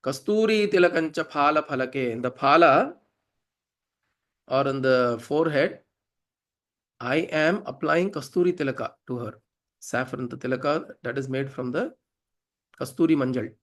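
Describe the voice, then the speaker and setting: In a mid-range voice at a measured pace, pausing often, a South Indian-accented man explains devotional verses. As a teacher of Sanskrit devotional hymns, he is informal and didactic and frequently asks check-in questions.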